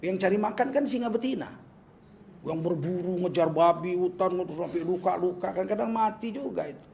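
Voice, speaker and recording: This is a high male voice at a moderate pace, with vocal fry and slight background noise. The speaker is an older preacher from Medan in North Sumatra, Indonesia, whose Medan Indonesian accent carries a humorous, animated religious talk where he plays out the voices he quotes.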